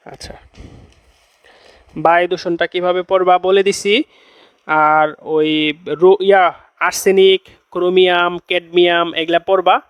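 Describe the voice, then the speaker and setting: A young male tutor runs a chemistry lesson in a notably high voice, recorded close and dry. He says each point two or three times over and keeps coaxing his students with little check-ins. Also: flat delivery, measured pace, long pauses, clear, resonant tone, no room sound, lo-fi sound. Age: young adult. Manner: coaxing, checks in with "okay?" and "see". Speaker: admission-test tutor. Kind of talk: chemistry class lecture.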